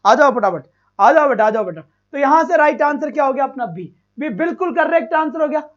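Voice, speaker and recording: A male teacher running a live online exam-prep class, energetic, heaping loud praise on students and firing off rhyming slogans. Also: very high-pitched, brisk, lo-fi sound.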